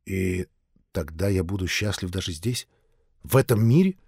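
A man voicing a timid, bewildered Martian man in an audiobook, speaking quietly and hesitantly. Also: sits low, expressive, normal speed, husky, no echo, clean studio sound, pitched below the performer's own voice.

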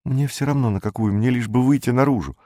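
A man's voice: medium pitch, quick pace, dark tone, no echo, studio quality, voice pushed up, lightly acted. A man voicing an agitated, desperate man who speaks in a strained, raised voice.

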